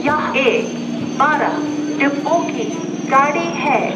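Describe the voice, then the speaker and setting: A woman's automated train announcement played over a railway station loudspeaker, read in slow, evenly spaced, pieced-together words. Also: high-pitched, animated, roomy sound, very noisy. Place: railway platform, outdoors. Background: trains and station ambience.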